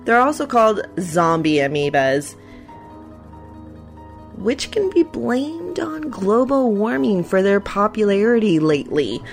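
A woman hosting a podcast in a playful, enthusiastic and expressive way, chatting casually. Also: mid-range voice. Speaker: podcast host, nurse. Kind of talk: podcast hosting, intro and casual interview chat.

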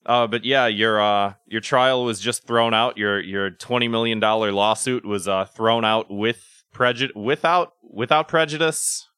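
A man co-hosting a podcast, dry and measured, pausing on fillers. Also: lowish voice, sharp tone, smooth, no room sound. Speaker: podcast co-host. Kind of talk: casual podcast chat.

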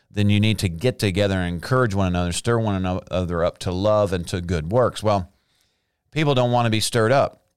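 Brief: lowish, smooth-voiced man, earnest devotional talk, dry close sound. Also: no room sound. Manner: earnest, conversational, reads statistics aloud.

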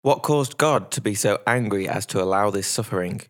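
Sermon-story disciple read by a man: low, earnest, puzzled questioning. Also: brisk, natural voice.

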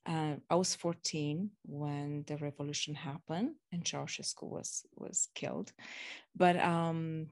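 Lower-voiced woman from Romania. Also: fairly even intonation, measured pace, a little mellow. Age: 40s. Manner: modest, laughs between phrases. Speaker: podcast guest. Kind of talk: casual interview storytelling.

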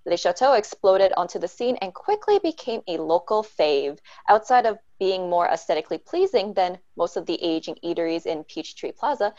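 A woman co-hosting a podcast who reads a prepared restaurant feature in a brisk, scripted way. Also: on the low side, animated, a little mellow, muffled recording. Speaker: podcast co-host.

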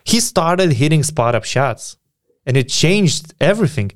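A man's voice: on the high side, sing-song, unhurried, no room sound, clean studio sound. A man co-hosting a basketball podcast, giving emphatic opinions in casual discussion and often repeating his point.

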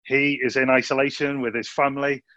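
A man's voice: mid-range voice, flat delivery, brisk, bright, forceful tone, no echo. Male youth host, chatty and upbeat, dry lo-fi video call sound. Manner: chatty, upbeat, calls people mate. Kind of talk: casual video call interview. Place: living room.

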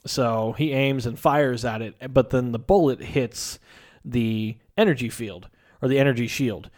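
A man chats casually in a middle-pitched voice as he walks through a movie scene by scene. He tells it with animation and slips in little acted lines of dialogue. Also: unhurried. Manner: animated storyteller, acts out characters' lines. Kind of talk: casual chat retelling a movie.

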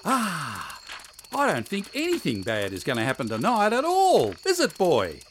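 A man's voice: on the high side, huge pitch swings, normal speed, slight background noise. A man playing a naive, cheerful jogger in a comedy audio drama, overacting like a hammy stage actor and declaiming his lines. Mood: chirpy, naive. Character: unassuming male jogger, cheerful, naive, melodramatically alarmed.

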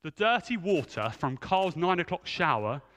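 A man preaching from a church stage with a high, lively voice that swoops up and down as he tells a funny story at his own expense. His tone is bright and forward, and a long hall reverb trails every line. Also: moderate pace. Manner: humorous, self-mocking anecdote. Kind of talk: storytelling sermon.

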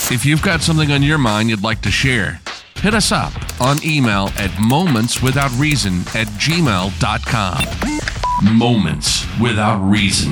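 Give me a male announcer reading a show intro over clear music. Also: medium pitch.

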